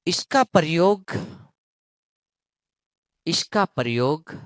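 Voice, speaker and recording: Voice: medium pitch, expressive, very slow, clean tone, no room sound, clean studio sound. A teacher giving a grammar lesson for exam students, repeating key phrases, asking the class questions and stretching out words to show long vowels.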